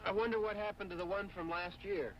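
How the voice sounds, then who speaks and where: A man's voice: high-pitched, fairly even intonation, brisk, dull audio, slight background noise, lightly acted. An actor playing a teasing young man who mocks his frightened sister, from an old film soundtrack. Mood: grumbling. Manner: mocking, taunting.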